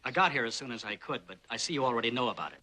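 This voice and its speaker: A man's voice: mid-range voice, animated, very fast, bright, forceful tone, poor audio. An actor playing a meek, deferential henchman reporting to his boss in a TV western. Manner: apologetic, deferential. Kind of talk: TV western drama acting.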